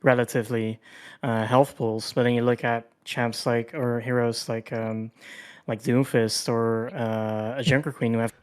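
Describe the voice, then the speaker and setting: A man's voice: mid-range voice, flat delivery, a little slow, clean tone. A man joining a casual game discussion, speaking hesitantly with many fillers. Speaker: guest.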